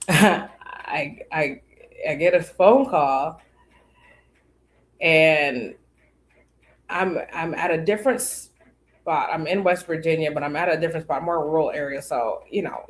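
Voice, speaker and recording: Low-pitched woman telling a personal story. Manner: rambling with fillers and quoted dialogue. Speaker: podcast host.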